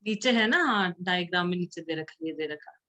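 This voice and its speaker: A woman teacher explaining a science lesson in Hindi, reading English sentences slowly and carefully. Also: fairly low pitch, expressive, bright, forceful tone. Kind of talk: classroom lesson.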